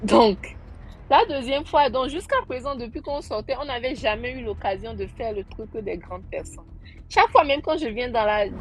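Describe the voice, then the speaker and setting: A woman casually telling a personal story, lively and animated, acting out the lines she quotes. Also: a little high. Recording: music bed behind the voice. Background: faint tense background music.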